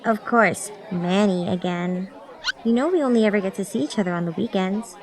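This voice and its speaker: A woman voicing a polite, busy teenage schoolgirl who sounds sweet and soft-spoken. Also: medium pitch, moderate pace, some chatter behind, lightly acted. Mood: defensive. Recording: voice over background music.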